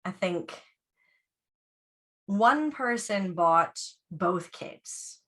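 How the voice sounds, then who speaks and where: A woman's voice: fairly low pitch, animated, very slow, pushed and bright. A woman and yarn dyer chatting casually as a guest on a video call, laughing often.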